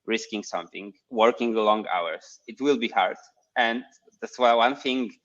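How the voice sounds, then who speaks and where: A man's voice: on the low side, unhurried, a bit bright. A man speaking as a guest on a video call, giving casual advice in a hesitant way, searching for words. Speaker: guest entrepreneur. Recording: muffled video-call audio.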